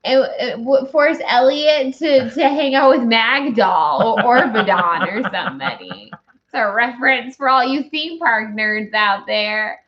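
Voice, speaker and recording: A woman's voice: high voice, a bit bright, highs cut off. A woman chatting casually as she hosts a movie review, tipsy, giggly and rambling.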